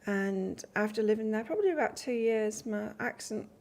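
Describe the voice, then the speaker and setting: Gravelly-voiced woman with mixed English-Australian accent. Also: medium pitch, animated, normal speed, darkish tone. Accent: mix of northern English and Australian. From north of England. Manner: chatty, rambling, chats with viewers between cards. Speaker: tarot reader. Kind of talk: live-stream tarot reading, casual chat.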